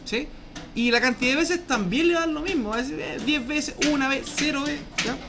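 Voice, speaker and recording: A man's voice: extremely high pitch, normal speed, music in the background. A male programming teacher with a Chilean Spanish accent, explaining casually in a live class and asking "¿ya?" after each point. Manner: slangy, chatty, asks "¿ya?" often.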